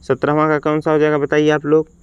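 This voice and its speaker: A man teaches an exam practice lesson, reading each question and its options aloud and then naming the answer. His voice is smooth and resonant and sits a little high for a man. The recording is close and dry, with no room sound around him. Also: monotone, quick pace, dry recording, lo-fi sound. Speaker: Hindi teacher.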